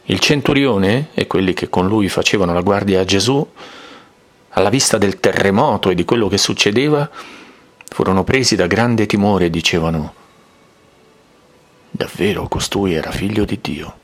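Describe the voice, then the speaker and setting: A man giving a slow, solemn devotional reading of the Stations of the Cross. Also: fairly low pitch, expressive. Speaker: reader.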